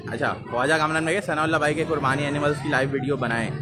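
A Pakistani man with a slightly high voice and fairly even intonation talks rapid-fire while hosting an outdoor live stream on a city street. He chats away, greets viewers by name and keeps repeating "mashallah" as he describes the scene, with busy street noise and crowd chatter around him.

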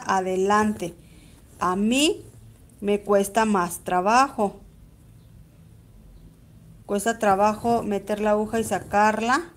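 A woman with a Mexican accent gives a chatty live-stream embroidery lesson, greeting viewers by name as she stitches. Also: medium pitch. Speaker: embroidery teacher.

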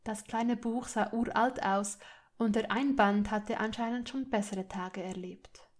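A woman reading a fan fiction audiobook in measured, expressive storytelling narration. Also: fairly high pitch. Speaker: audiobook reader.

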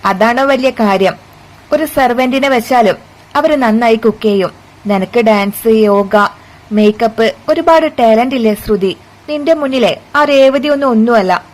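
A woman voicing a scornful, sharp-tongued middle-aged mother-in-law who taunts and accuses. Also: on the high side, unhurried, close to an everyday voice, low-quality recording. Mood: dismissive.

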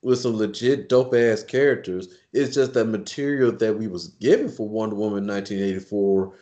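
A man's voice: fairly low pitch, normal speed, dark tone, dull audio. A man co-hosting a casual podcast chat, loose and emphatic, repeating words as he builds his point. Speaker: podcast co-host.

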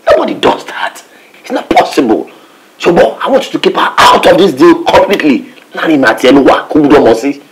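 A man's voice: on the low side, animated, moderate pace, very noisy. An actor playing a scheming young man who mixes Yoruba and English. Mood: scheming, sharp. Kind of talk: Nollywood film acting.

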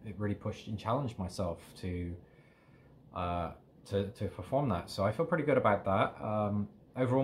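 Young british guy with a lowish voice rambling through his vlog at home, keeps correcting himself. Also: a little hiss or hum. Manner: chatty, rambling, self-correcting. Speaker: fitness vlogger. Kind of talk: casual video diary.

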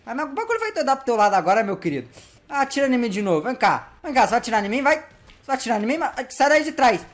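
A man giving casual gameplay commentary, slangy and playful, talking to the game's characters and getting excitable in the action. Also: very high-pitched, rapid-fire. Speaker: gameplay youtuber.

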